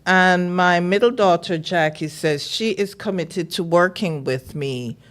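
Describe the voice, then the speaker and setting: A middle-aged woman from Jamaica talks as a guest on an interview show, laying out her thoughts in a calm, measured way. Her voice sits a little on the low side. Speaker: guest, librarian. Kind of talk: casual interview talk.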